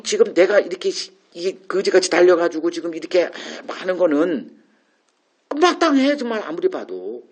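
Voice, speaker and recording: A man's voice: sits high, slightly rough. A male pastor preaching an informal Bible exposition sermon, musing aloud and posing rhetorical questions to the congregation.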